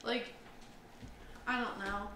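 A woman's voice: medium pitch, steady tone, takes it slowly, sharp tone. A young woman co-hosting a casual podcast, rambling and self-deprecating with many fillers. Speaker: podcast co-host. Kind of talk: casual chat. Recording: roomy, slightly distant mic with faint hiss.

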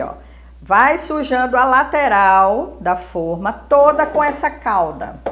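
Patient woman teaching a cooking lesson. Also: a little high. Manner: patient, repetitive teacher, lots of "ó" and "vejam". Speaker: cooking show host. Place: home kitchen, indoors.

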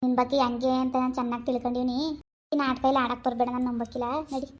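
A woman's voice: on the high side, monotone, lightly acted. A woman voicing a harsh older village mother in a cartoon, scornful and scolding. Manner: scornful, scolding, rapid rural talk. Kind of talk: cartoon voice acting.

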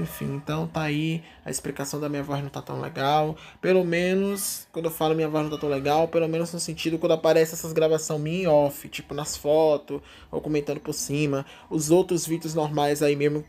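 A man's voice: fairly high pitch, slight background noise. A man hosts a fan page and chats playfully with his viewers about celebrity news. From Brazil. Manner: chatty, playful, addresses viewers as gente. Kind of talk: casual celebrity gossip commentary.

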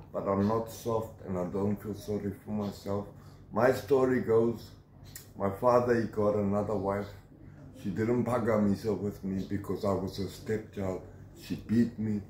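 Against a corrugated metal wall at an outdoor shelter, a South African man in his forties, recorded close on a phone camera, tells his life story in a tough, emphatic, deeply convinced way. His voice is low-ish and a little mellow, heard in an echoey, low-quality recording with slight background noise.

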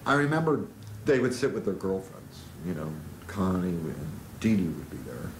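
A man telling stories in a documentary interview, animated and acting out what others said. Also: sits low, normal speed, slight background noise, poor audio. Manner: animated storyteller who acts out quotes. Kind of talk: interview anecdote.

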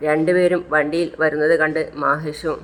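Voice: mid-range voice, flat delivery, normal speed, a bit bright. A storyteller casually recapping a serial plot in plain, matter-of-fact narration. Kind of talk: casual spoken story retelling.

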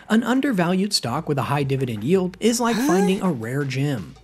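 A scripted narrator reads a finance explainer in an even, practiced cadence, the pitch rising and falling with a lively swing. Soft music sits faintly underneath the voice. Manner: steady explainer reading a list.

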